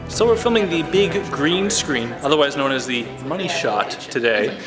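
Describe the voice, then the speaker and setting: A man's voice: fairly high pitch, moderate pace, music in the background. A young man playing an eager, goofy filmmaker, chatting to the camera behind the scenes of a comedy shoot. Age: young adult. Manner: eager, goofy, excitable director. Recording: noisy amateur camera audio.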